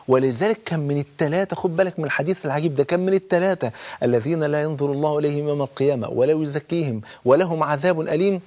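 A middle-aged man with an Egyptian Arabic accent preaching a sermon, fervent and full of stories, dropping low and soft when he quotes.

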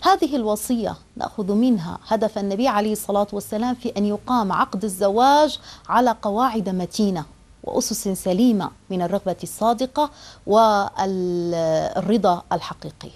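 A woman's voice: medium pitch, a little fast, a little mellow. A woman teaching a religious lesson. She explains in an earnest way and often restarts a phrase.

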